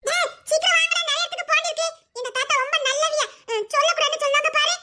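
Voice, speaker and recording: A woman's voice: steady tone, fast, noisy background. A woman voicing cheeky little children who giggle and tattle in a comic family skit. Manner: squeaky, giggling childlike chatter.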